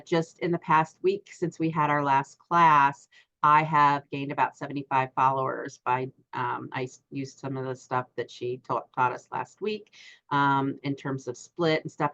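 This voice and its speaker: A middle-aged woman with a low voice hosts an online class over a group voice call. She speaks haltingly and often stops on um and uh. The call audio is muffled and lo-fi. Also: a bit bright. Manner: halting, many ums and uhs. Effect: heard over an online group voice call. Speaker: class host.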